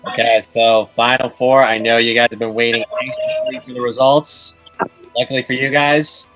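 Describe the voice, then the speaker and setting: A man's voice: mid-range voice, little pitch movement, normal speed, fairly bright tone, soft background music. Casual man hosting over a video call. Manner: casual, hesitant announcing with fillers. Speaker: host. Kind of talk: hosting an online competition.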